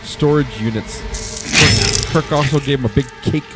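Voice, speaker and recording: A man's voice: medium pitch, normal speed, loud music behind the voice. A man hosting a casual commentary podcast about a film, joking and laughing as he talks. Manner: joking, animated, laughs often. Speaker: podcast host. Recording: movie audio playing behind.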